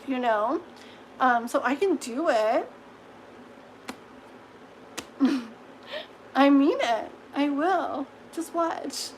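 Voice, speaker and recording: A woman with a high, light voice gives a tarot reading on a live stream. She talks in a chatty, reassuring way, checking in with "okay?" after each point and laughing easily. A faint room hiss sits under her voice. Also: low-quality recording. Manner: chatty, reassuring, full of "okay?" tags and giggles. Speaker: tarot reader.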